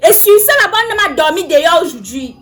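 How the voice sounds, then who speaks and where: A woman's voice: extremely high pitch, expressive, a little fast, a bit bright, faint music behind. An actress playing a tired woman pleading with her uncle, insistent and exasperated.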